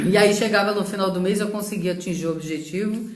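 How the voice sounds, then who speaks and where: Her mid-range voice moves a little fast against a roomy acoustic as this middle-aged woman from São Paulo state, Brazil, recounts her career. It's a casual live social media talk, thoughtful and packed with fillers and tag questions.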